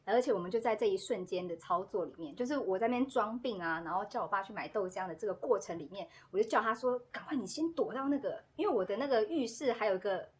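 A woman, a podcast guest telling a story in casual chat, animated and quick to act out what people said. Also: mid-range voice, breathy edge. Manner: animated, acts out quoted dialogue, laughs often.

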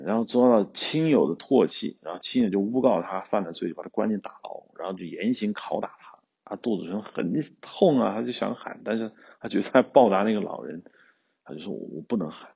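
A man's voice: lowish voice, creaky, warm tone, breathy edge, lo-fi sound. A man hosting a podcast, retelling an old tale in a loose, casual way with frequent restarts. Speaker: podcast host, screenwriter-director. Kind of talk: casual storytelling commentary.

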